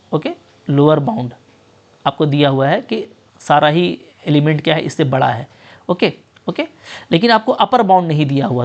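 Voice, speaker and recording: A slightly high, somewhat mellow male voice with an Indian English accent delivers an exam-prep math lecture on lo-fi audio. He keeps repeating brief check phrases and slows down sharply whenever he reads definitions.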